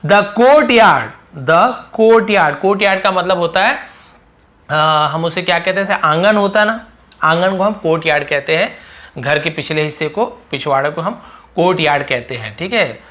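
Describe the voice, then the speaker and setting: A man with a high voice, teaching English. He reads each English phrase out slowly and deliberately, then breaks it down in quick, chatty Hindi, asking questions and answering them himself. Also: sharp tone. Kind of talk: lesson explaining an English story line by line.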